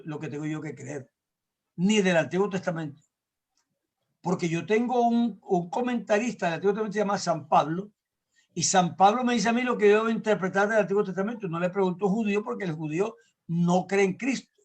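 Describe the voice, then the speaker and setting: An older man preaches in a high, light voice. He teaches with emphatic insistence, doubling back on words to hammer a point. He leans on homely examples and checks that his listeners agree. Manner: emphatic, repeats words when stressing a point; explains with everyday examples, asks listeners to agree. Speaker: pastor. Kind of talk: sermon teaching.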